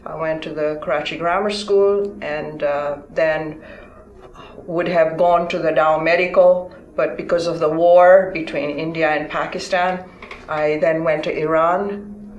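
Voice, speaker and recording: A woman's voice: low-pitched, a little hiss or hum. Older Tanzanian-born woman, echoey room. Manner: thoughtful, halting with fillers. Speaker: interview guest, physician. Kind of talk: conversational interview.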